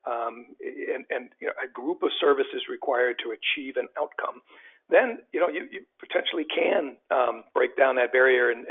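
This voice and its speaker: A man co-presenting a webinar, explaining in a measured way and repeating words as he goes. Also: medium pitch, husky. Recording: phone-like webinar audio.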